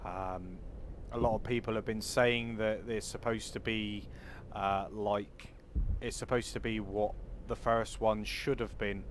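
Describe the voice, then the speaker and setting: Low-voiced Cornish man chatting casually. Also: fairly even intonation, a little slow, few pauses. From Cornwall, southwest England. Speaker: game livestreamer chatting with viewers. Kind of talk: casual chat over gameplay. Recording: clear background vehicle noise.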